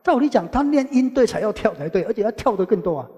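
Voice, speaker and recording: A man giving a rambling Buddhist scripture lecture, opening many phrases with a drawn-out "ah" and chanting bits of mantras as he goes. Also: sing-song, a little mellow. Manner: chants mantras in passing, rising in pitch when making a point. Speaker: Buddhist teacher. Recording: long hall reverb.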